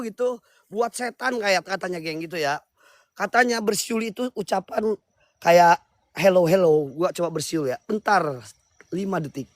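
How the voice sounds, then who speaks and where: Young male ghost-hunt vlogger, very high voice, excitable and shouty, casual slang. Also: no room sound, clean studio sound. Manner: loud excitable calling out, slangy banter with the crew. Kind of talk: casual night-time ghost-hunt vlog. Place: forest at night, outdoors.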